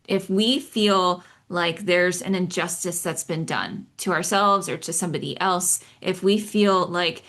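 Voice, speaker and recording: A woman, a psychologist co-hosting a podcast, explaining calmly and at a measured pace with everyday examples. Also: fairly low pitch.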